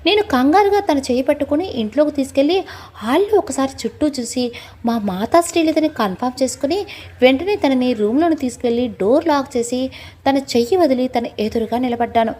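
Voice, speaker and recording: A woman narrating a scripted family audio story in a lively first-person telling. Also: high-pitched, brisk.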